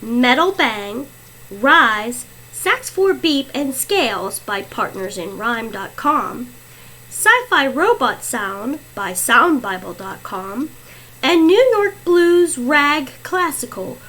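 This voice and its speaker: A woman's voice: fairly high pitch, sing-song, sharp tone, rough recording. A woman teacher narrating reading-fluency tips and credits for a classroom reader's theater video. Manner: clear, deliberate, teacherly delivery.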